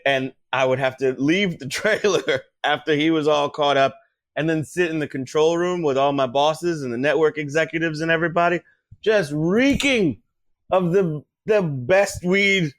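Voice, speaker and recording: A man telling animated stories in casual podcast chat, often putting on voices for the people he quotes. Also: on the high side, a little fast, no echo, clean studio sound. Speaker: podcast guest, comedian.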